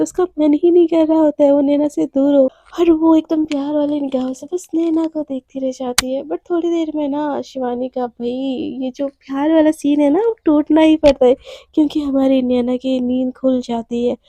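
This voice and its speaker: A woman with a hoarse, sore throat, casually telling a story and talking to her listeners as friends. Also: high-pitched, fairly even intonation, moderate pace, mellow, lo-fi sound, a little hiss or hum. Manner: chatty, addresses listeners as friends.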